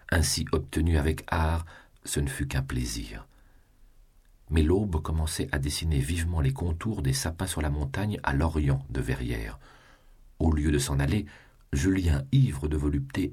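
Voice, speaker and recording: Man reading a novel aloud, super deep voice, really husky. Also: a little mellow. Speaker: audiobook narrator. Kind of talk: literary audiobook reading.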